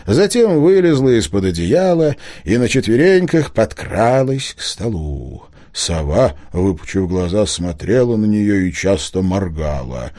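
A man reading a children's storybook aloud in an expressive, animated way. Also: fairly low pitch. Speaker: narrator.

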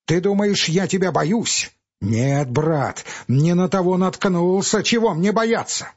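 A man voicing a young, hot-tempered male village medic who shouts indignant reproaches, on a husky, lo-fi audiobook recording. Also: high-pitched, expressive, slow, voice pushed up, heavily acted. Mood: defiant.

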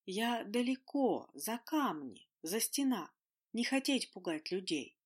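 A woman reading as a hoarse, cheerful storybook phantom that stumbles over every word in broken grammar. It speaks slowly and a little high, its raspy voice full of friendly curiosity. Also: sing-song, darkish tone, full character voice. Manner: slow broken grammar, halting. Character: hoarse cheerful phantom, ungendered, clumsy speech.

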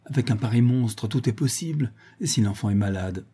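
A man's voice: medium pitch, a little fast, warm tone, slightly rough, natural voice. A man doing a fretful worried companion. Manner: fretful, questioning.

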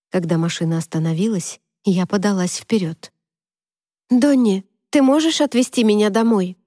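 A woman narrates a first-person audiobook in a steady, measured way. Her voice is warm and dark, recorded close on a mic in a dead, dry room with no reverb. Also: medium pitch.

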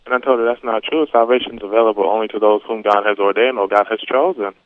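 A man's voice: lowish voice, fairly even intonation, fast talker, no room sound. A man calling in to a radio show, asking an earnest question in a hesitant way full of fillers, over a crackly cordless phone line that fades in and out. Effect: crackly cordless phone line fading in and out. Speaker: caller. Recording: tinny, dry phone line.

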